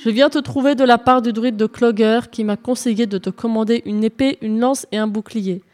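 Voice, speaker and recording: A woman's voice: a little high, fairly even intonation, a little fast, darkish tone, soft background music, close to an everyday voice. A woman reading a storybook and voicing a young knight, declaring his aims in a raised, firm tone. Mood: determined. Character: young determined knight, lovesick.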